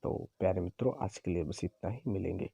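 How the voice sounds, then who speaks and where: A man teaching an exam-prep lesson, explaining slowly and repeating himself as he corrects his own slips. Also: sits low, creaky, warm tone, slightly rough, no echo, dull audio. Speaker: English teacher.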